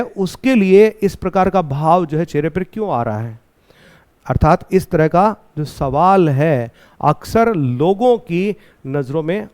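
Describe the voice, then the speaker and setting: Male teacher, high voice, drawn-out reading, poem lesson. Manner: reads English lines slowly, then explains with rhetorical questions. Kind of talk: line-by-line poem explanation lesson.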